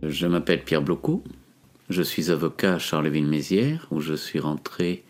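A man in his sixties from the Ardennes, with a metropolitan French accent, recounts his experience as a lawyer in a hesitant, deliberate manner. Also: a bass voice. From Ardennes, France. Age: 60s. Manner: hesitant, deliberate, frequent long pauses. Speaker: defence lawyer. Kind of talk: recounted testimony in an interview.

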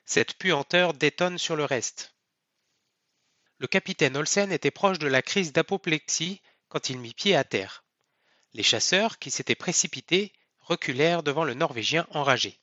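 A man narrating a novel aloud in a steady, expressive storytelling manner. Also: a little high, moderate pace, dry recording, muffled recording. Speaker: audiobook narrator. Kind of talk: scripted narration.

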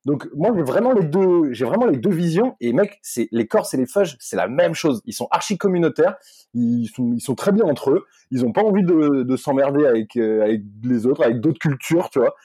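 A man's voice: on the high side, lively intonation, moderate pace, mellow, husky, dry recording. A man co-hosting a comedy podcast, chatting casually, laughing often and repeating his words. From Corsica and mainland France. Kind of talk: casual chat.

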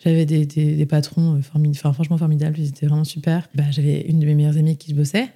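A woman's voice: low-pitched, flat delivery, quick pace, dark tone. A young woman telling her story as a podcast guest, chatty, with many fillers and restarts. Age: young adult. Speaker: interview guest. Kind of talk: casual podcast interview.

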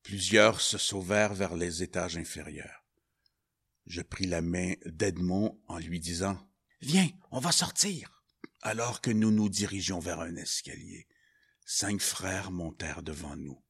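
Slow, deep-voiced narrator. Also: male voice, fairly even intonation, creaky, fairly bright tone, slightly rough. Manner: slow, solemn storytelling. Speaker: narrator and author. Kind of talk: scripted first-person narration.

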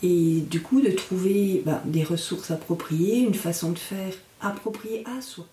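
A woman speaking as an instructor in an interview, explaining things in a reflective, halting way as she searches for her words. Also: on the low side, mellow. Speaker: mindfulness instructor and guest. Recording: echoey room, distant from microphone.

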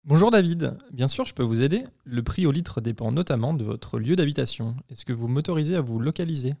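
Give me a man putting on a half-robot voice for a courteous AI assistant, formal and dark-toned. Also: medium pitch, lively intonation, fairly quick, gravelly. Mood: formal helpful. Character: polite male AI voice assistant, stiff, half-robotic. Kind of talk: role-play on a podcast.

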